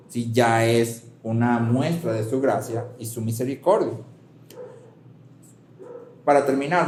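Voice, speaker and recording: A man preaches a sermon, chatting with the congregation and asking rhetorical questions. His voice sits at an ordinary middle pitch. The hall around him is roomy and echoing, with a faint background hum. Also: warm tone. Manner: conversational, rhetorical questions, frequent "¿sí?" check-ins. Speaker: pastor.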